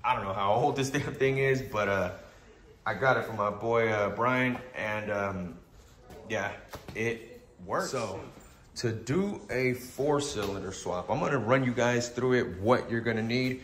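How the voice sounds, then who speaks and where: Stuffy-nosed and losing his voice to a cold, a car builder wanders around a car in his garage, talking casually and filling gaps with lots of ums and uhs. He speaks a little slowly at medium pitch, slightly bright, and the recording sounds roomy.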